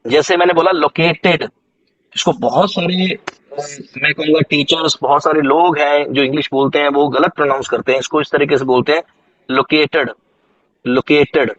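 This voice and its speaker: A man with an Indian accent teaching a spoken English class online, slowly repeating phrases for his students. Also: fairly high pitch, steady tone, fairly bright tone, highs cut off. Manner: slow, drawn-out repetition of English phrases for students.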